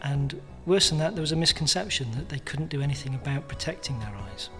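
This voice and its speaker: A man's voice: fairly high pitch, lively intonation, fast. A man speaking as a charity spokesperson, formally explaining research findings. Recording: soft music bed behind the voice.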